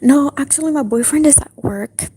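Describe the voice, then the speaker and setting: Young woman whispering to her stream, breathy and kinda high, mellow tone, lots of likes and ums. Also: normal speed. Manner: whispering, rambling with many fillers. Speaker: livestreamer. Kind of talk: whispered casual stream chat. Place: apartment restroom.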